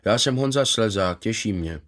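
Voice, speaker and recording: A man voicing a gentle, contented former footballer in his fifties, who talks eagerly and proudly about his past. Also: on the low side, expressive. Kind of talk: voiced character in a read story.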